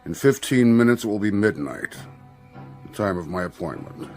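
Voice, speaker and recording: An actor playing Death as a polite, implacable gentleman in a radio drama, formal, measured and fussy. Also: fairly low pitch, animated, faint music behind, close to an everyday voice. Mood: formal, firm.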